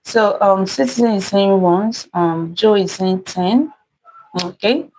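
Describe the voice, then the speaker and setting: Slight background noise and poor audio surround a medium-pitched, somewhat mellow female voice with a Nigerian accent. Hosting an interactive math puzzle stream at an unhurried pace, she reads comments aloud and keeps greeting and thanking people by name.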